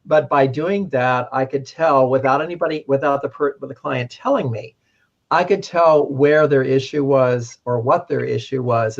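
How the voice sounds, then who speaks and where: A man who practised massage for many years, telling rambling stories in a casual panel chat, with frequent restarts. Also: medium pitch. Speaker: guest, former massage therapist and witch. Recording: dull lo-fi sound.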